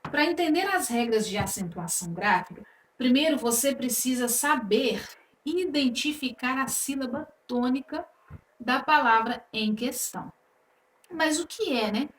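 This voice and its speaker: A woman teaching a grammar lesson online, explaining patiently and checking in with "ok?" after each point. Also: a little high. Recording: echoey room, voice a bit far from mic, faint noise.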